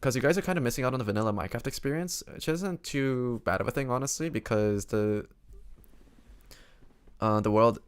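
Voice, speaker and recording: A man streaming games, chatting casually in a quiet, low-energy way as his voice starts to go hoarse. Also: brisk. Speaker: game streamer.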